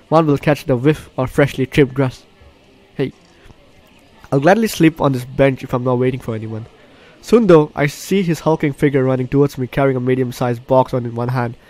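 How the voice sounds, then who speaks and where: With game music behind him, a male host works through a game, voicing the on-screen story and reacting in exclamations. His pitch is medium, his tone darkish, and the recording dry.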